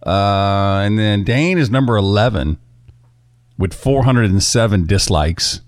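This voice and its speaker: A man's voice: lowish voice, lively intonation, a little slow, no room sound, studio quality. Teasing man co-hosting a banter podcast. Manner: teasing, joking, provocative. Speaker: podcast co-host. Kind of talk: casual crude banter.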